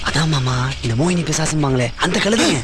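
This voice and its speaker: A man's voice: on the high side, lively intonation, brisk, background noise, lightly acted. A man playing a cheeky teasing young nephew. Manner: teasing, wisecracking. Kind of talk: film comedy acting.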